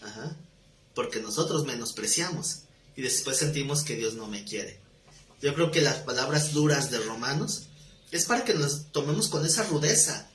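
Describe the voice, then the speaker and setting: A man's voice: mid-range voice, expressive, moderate pace, a bit bright. A man preaching a live sermon, speaking conversationally with rhetorical questions and light jokes. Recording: roomy live-stream audio.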